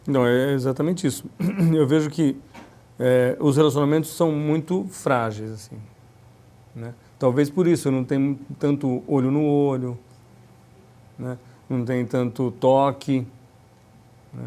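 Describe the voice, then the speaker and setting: Man, mellow tone, animated talker, chatty guest. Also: mid-range voice, unhurried, long pauses. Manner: animated, acts out dialogue, many tag questions. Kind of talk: casual conversation.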